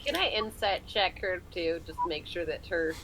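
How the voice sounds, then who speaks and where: A woman playing a tabletop game, making quick, wry asides. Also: lowish voice, expressive, fairly bright tone, a little hiss or hum. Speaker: player.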